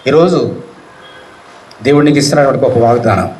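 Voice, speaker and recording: A male pastor with a Telugu accent preaching a sermon in a church hall. He keeps asking the congregation questions and calling out loudly to them. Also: medium pitch, fast, slight background noise.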